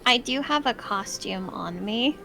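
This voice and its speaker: A woman's voice: on the high side, lively intonation, a little slow, vocal fry, background noise. A woman playing a tabletop game, chatting casually and hesitantly as she thinks aloud. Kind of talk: casual improvised game chat. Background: music.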